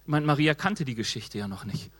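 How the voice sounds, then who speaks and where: A man preaching a casual, lively sermon, acting out excuses in quick quoted voices. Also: mid-range voice. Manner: moves around while preaching.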